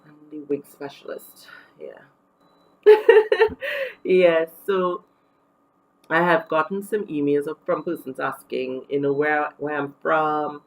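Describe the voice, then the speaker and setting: Trinidadian woman for a casual beauty vlog; gravelly fry, open and talkative. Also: low-pitched, big pitch swings, slow, poor audio. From Trinidad and Tobago. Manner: chatty and candid, with many fillers. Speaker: beauty vlogger. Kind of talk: casual get-to-know-me vlog.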